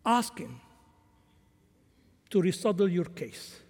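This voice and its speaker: A man's voice: high-pitched, big pitch swings, slow, vocal fry, darkish tone. A man who grew up in Syria, preaching a sermon with impassioned swings in volume. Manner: impassioned, rising and falling volume. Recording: long hall reverb.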